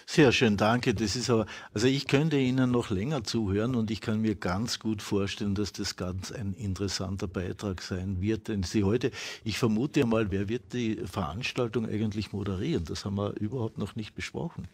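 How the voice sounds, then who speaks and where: A male radio host with a low, gravelly voice and a husky edge. He moves the conversation along with friendly prompts. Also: moderate pace, few pauses. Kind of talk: radio interview.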